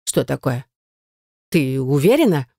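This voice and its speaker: A woman voicing a fussy elderly building manager in an audiobook, speaking in a lower, hushed and fretful voice. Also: very animated, unhurried, vocal fry, husky, no echo, studio quality, exaggerated voice. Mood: alarmed.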